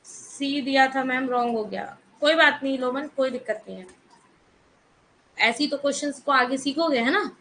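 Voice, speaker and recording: Bright high-voiced woman teacher, firm. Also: normal speed, rough recording. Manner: firm, scolding students in a live chat; mixes Hindi with English terms. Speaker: economics teacher. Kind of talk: online class lecture.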